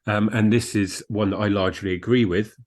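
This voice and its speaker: Speaking a little fast, this man has a lowish, slightly mellow voice with fairly even intonation. He co-hosts a book podcast, where the discussion is casual, his takes are blunt, and reviews are occasionally read aloud.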